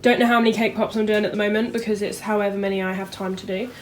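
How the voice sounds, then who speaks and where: A woman's voice: mid-range voice, steady tone, racing, slight background noise. A young woman giving a casual, chatty vlog walkthrough of her home kitchen on a handheld camera, with lots of ums. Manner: chatty, filler-heavy, showing things as she goes. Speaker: home baker and vlogger.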